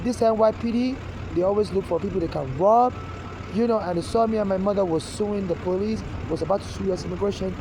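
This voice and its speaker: A man, making a rambling, urgent appeal straight to camera outdoors, stammering and repeating himself as he restarts his sentences. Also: sits high. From Nigeria. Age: 40s. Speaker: street vlogger appealing for donations. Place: outdoors on a city street. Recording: loud street traffic noise outdoors.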